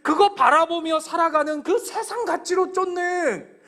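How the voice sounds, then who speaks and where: A man's voice: extremely high pitch, unhurried, bright, forceful tone, pitched above the performer's own voice, exaggerated voice. A man voicing God as a loving father who pleads with his child in an emphatic, fatherly way. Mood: pleading.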